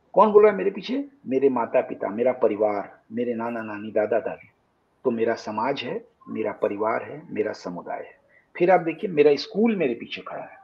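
Gravelly-voiced man explaining philosophy. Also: mid-range voice, muffled recording. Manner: lecturing, recites Sanskrit verses slowly, mixes in English. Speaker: guest scholar of Indian philosophy. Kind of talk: explanatory discourse in an interview.

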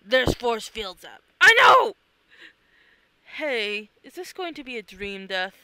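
Acting out the characters with theatrical exclamations, a person reads their own comic aloud in a mid-range voice that swings widely in pitch at a slow pace. The tone is sharp, clear and resonant with no echo, but the recording is rough.

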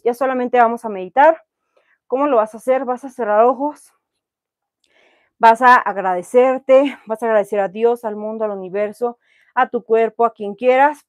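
A woman's voice: on the high side, no echo, studio quality. A young woman, coaching a live workout stream from her bedroom, guiding breathing counts and then chatting with viewers. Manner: calm guided counting during breathing; upbeat encouraging sign-off. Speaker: fitness instructor. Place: bedroom with pink curtains, indoors. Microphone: clip-on lapel mic.

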